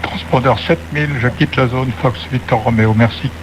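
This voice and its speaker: A man's voice: medium pitch, steady tone, moderate pace. A man piloting an aircraft, giving brief procedural readbacks over the radio. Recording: noisy cockpit radio transmission.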